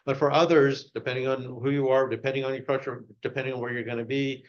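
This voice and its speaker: A man giving a short speech at a club meeting, asking the audience one question after another and growing loud and excited at times. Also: mid-range voice, quick pace, dull audio. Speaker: club speaker.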